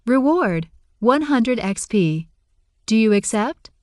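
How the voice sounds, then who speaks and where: A woman's voice: fairly high pitch, expressive, takes it slowly, no room sound, studio quality. A woman voicing a formal game system announcer that reads out stats and quests in an audiobook. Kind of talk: audiobook narration.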